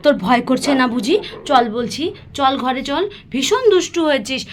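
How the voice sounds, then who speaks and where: A woman with a high voice acts out a big sister in a homemade doll story. She scolds sharply and bossily, then speaks in a gentle, soothing tone. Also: moderate pace. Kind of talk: scripted doll story acting.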